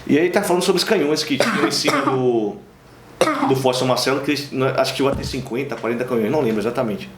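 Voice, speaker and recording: Bahian male guest, rapid casual talk full of fillers, roomy recording with a faint hiss. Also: mid-range voice. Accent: Bahian Portuguese. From Brazil, Bahia. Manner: rambling anecdotes with many fillers and restarts. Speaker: interview guest, singer. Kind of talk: casual interview chat.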